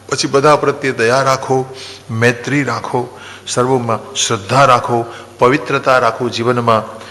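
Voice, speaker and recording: A man's voice: medium pitch, bright, forceful tone, in a large hall. A man from Junagadh, Gujarat, telling a devotional story as a katha preacher, chanting verses and then explaining them.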